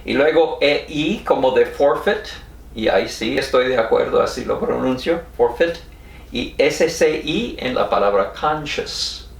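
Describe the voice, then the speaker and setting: A man with an American accent explains spelling at an unhurried pace, spelling each letter out one by one. He sits back from the mic, so his voice sounds distant, and the room around him echoes. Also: mid-range voice, animated, gravelly. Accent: American English. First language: English. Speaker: teacher.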